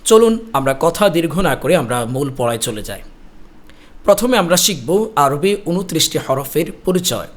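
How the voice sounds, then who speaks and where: A Quran teacher giving an Arabic alphabet lesson. The teacher pronounces each letter slowly and repeats it, patiently explains where the tongue and teeth go, and asks listeners to repeat. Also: medium pitch, expressive.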